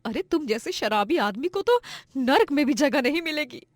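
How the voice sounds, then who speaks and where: A woman's voice: sits high, big pitch swings, normal speed, no room sound, studio quality, pitched above the performer's own voice. Woman voicing a defiant young daughter-in-law. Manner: scolding, indignant.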